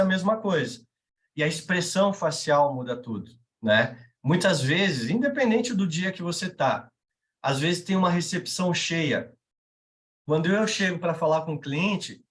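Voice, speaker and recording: A man's voice: on the high side, fairly bright tone. A man with a Brazilian Portuguese accent teaching a live class, talking conversationally and checking in with his listeners. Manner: conversational, checks in with tag questions. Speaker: veterinary sales instructor.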